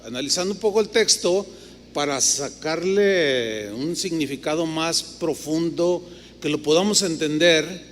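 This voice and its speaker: A man's voice: fairly high pitch, measured pace. A man, preaching a conversational sermon as a pastor and breaking into asides where he talks to himself. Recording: reverberant hall with faint noise.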